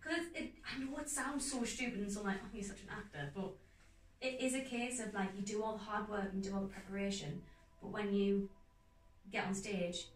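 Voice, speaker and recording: A young woman actor talking earnestly and enthusiastically in a casual interview, in quick runs of speech. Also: medium pitch, fairly even intonation, distant mic. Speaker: guest actor. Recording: roomy echo, off-mic, faint music behind.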